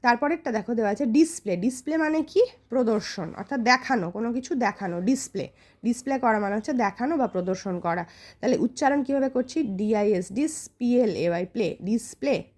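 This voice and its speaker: A woman teacher gives a step-by-step vocabulary lesson. Her voice sits a little high, yet it has a warm, mellow tone. She slows down carefully whenever she reads out an English example sentence. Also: expressive. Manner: patient, explains step by step and spells words out.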